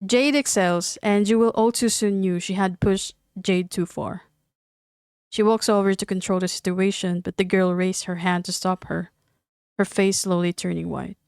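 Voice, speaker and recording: A woman narrating a romance audiobook in an even, unhurried reading. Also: medium pitch, vocal fry, clear, resonant tone, dry recording, studio quality. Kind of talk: scripted narration.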